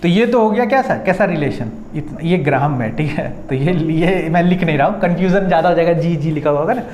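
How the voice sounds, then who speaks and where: A man on works through a chemistry problem on a board. He explains each step, often checks whether his students follow, and slows right down when he dictates. The room is echoey, with a faint hum behind him. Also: a little high, darkish tone. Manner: dictates slowly while writing. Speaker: chemistry teacher. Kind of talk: whiteboard lesson.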